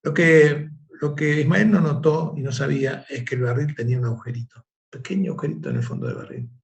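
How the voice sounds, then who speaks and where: A man, the guest of an interview, telling a parable and reflecting in an animated, conversational way. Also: fairly high pitch, fast talker, creaky. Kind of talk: conversational storytelling.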